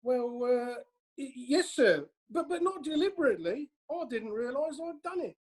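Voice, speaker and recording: A man's voice: sits high, sing-song, measured pace, darkish tone, slightly rough, full character voice. Guy doing a jittery defendant, stammers, hesitant. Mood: nervous. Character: nervous stammering defendant, man.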